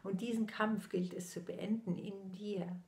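Eyes closed, a woman in her sixties who works as a spiritual medium channels a message slowly and solemnly, often sinking into soft whispers. Her voice is medium in pitch with a steady tone, recorded up close on a laptop in a small home room.

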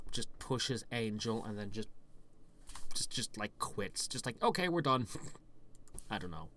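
Guy slowly talking thru his idle game run, mid-pitch voice, muses out loud, dry jokes about himself. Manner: unhurried, thinking aloud, rambling with restarts. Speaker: gaming channel host. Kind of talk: let's play commentary.

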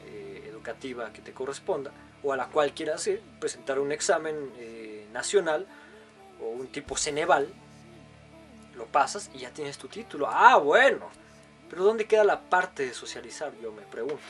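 A man's voice: mid-range voice, animated, moderate pace, fairly bright tone, faint music behind. A young man with a Mexican accent giving crude, joking, casual commentary on a video he is reacting to.

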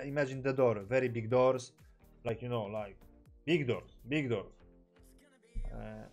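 A young man with a Polish accent telling stories in a casual vlog, animated and jumping between his own language and broken English, with sudden loud exclamations. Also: mid-range voice. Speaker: gaming streamer vlogger.

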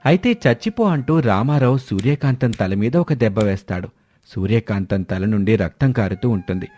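A man narrating a scripted moral story in a steady, expressive way, with faint music behind. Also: fairly low pitch, moderate pace.

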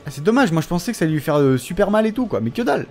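Excitable French-speaking gamer taunting enemies. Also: male voice, high voice, very fast. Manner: talks at the game characters, taunting and mocking enemies; swings from muttering to excited yelps. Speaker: let's play gamer. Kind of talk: casual gameplay commentary.

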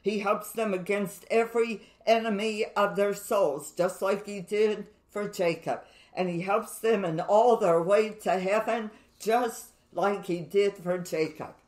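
A woman gives a Bible teaching at an unhurried pace, pressing on repeated phrases to drive them home. Her voice sits in the middle of the range. The room around her rings with a noticeable echo. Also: mid-range voice, a little mellow. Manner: measured, repeats key phrases for emphasis. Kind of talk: slow scripture teaching.

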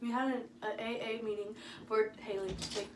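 A woman's voice: on the high side, fairly even intonation, fairly quick. A young woman chatting casually and playfully with friends, often giggly. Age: young adult. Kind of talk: casual chat among friends. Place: small bedroom with friends. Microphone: camera a few feet away. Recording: roomy, distant camera audio, heavy noise.

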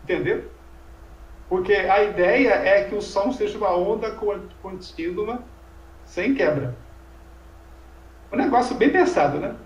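A man with a high voice explains things in a relaxed lecture, checking in with tag questions and rhetorical asides. He sits well away from the mic. The room around him rings with echo. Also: measured pace, long pauses, lo-fi sound. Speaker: Sanskrit teacher. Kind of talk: informal lecture conversation. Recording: echoey room, voice from far off mic.

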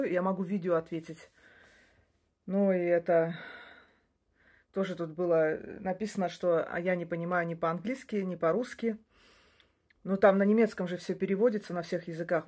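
Speaking into her phone camera up close, a Russian-native social media creator in her forties talks casually from a small room indoors. Her voice sits on the low side with a darkish tone. The talk is chatty and meandering, full of restarts and brief bursts of laughter.

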